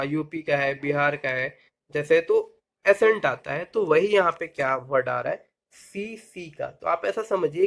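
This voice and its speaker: Brief: higher-voiced male tutor, question-and-answer teaching, spells words slowly. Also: gravelly. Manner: explains with rhetorical questions and mnemonics. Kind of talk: vocabulary lesson.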